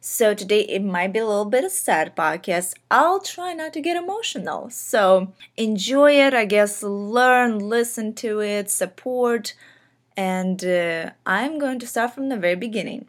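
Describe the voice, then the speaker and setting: A woman's voice: medium pitch, lively intonation, unhurried. A young woman from Ukraine hosting a podcast, talking earnestly and casually with lots of fillers. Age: young adult. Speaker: podcast host. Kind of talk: casual personal podcast talk.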